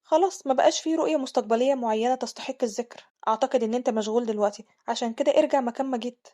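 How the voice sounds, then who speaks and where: Brief: woman reading a cold, scornful young prince, Egyptian accent, flat contemptuous musing, rapid delivery. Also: a little high, lightly acted. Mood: cold, probing. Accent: Egyptian Arabic.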